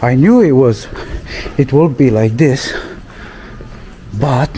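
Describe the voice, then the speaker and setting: A man's voice: medium pitch, slow pace, dark tone, a little hiss or hum. A young man from Romania filming a casual travel vlog outdoors, talking to his viewers and exclaiming at what he sees. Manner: exclaims often, loose fillers, talks to viewers as guys. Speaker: travel vlogger. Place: outdoors in a town street.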